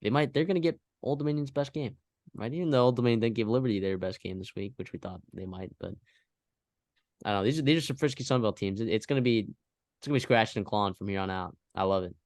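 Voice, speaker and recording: A man's voice: on the low side, fast, darkish tone, no echo, clean studio sound. A man co-hosting a college football podcast, talking casually and rambling through scores with fillers and restarts. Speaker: podcast co-host. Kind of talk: casual sports chat.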